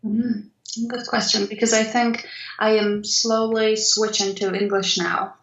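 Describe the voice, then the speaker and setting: A woman's voice: mid-range voice, little pitch movement, measured pace, a bit bright, roomy sound, muffled recording. A woman from Poland, a guest artist, talking thoughtfully in a casual interview and laughing easily.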